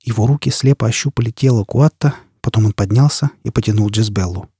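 Dark husky male narrator. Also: fairly low pitch, brisk, dry recording, studio quality. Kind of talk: audiobook narration.

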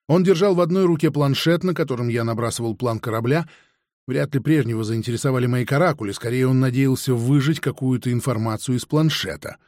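A man narrating a first-person audiobook with steady storytelling. His voice sits at a middle pitch and the recording is dry and close. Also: dry recording.

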